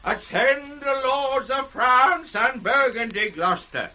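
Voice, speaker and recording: A man's voice: very high-pitched, animated, slow pace, music in the background, full character voice. An actor playing an aging, imperious British king with grand, declamatory delivery in a 1960s radio Shakespeare play. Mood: regal, deliberate. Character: aging imperious king dividing his kingdom, grand and commanding.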